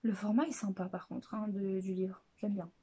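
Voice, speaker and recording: Brief: woman, book vlogger, mellow tone, casual and hesitant, lots of fillers, self-deprecating. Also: medium pitch, flat delivery, a little hiss or hum. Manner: hesitant, many filler pauses and restarts. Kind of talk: casual chat presenting books.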